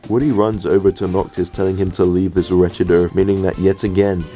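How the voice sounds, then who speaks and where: A man's voice: low-pitched, little pitch movement, a little fast, loud music behind the voice. A British man narrating a casual comic recap in a dry, sweary, colloquial way.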